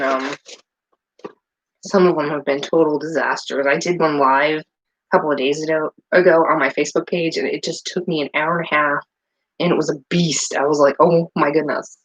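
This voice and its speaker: In a low-quality recording, a soap-making vlogger, a middle-aged woman from New England, chats and rambles with plenty of fillers as she works in her home kitchen. Her voice sits low with a breathy edge.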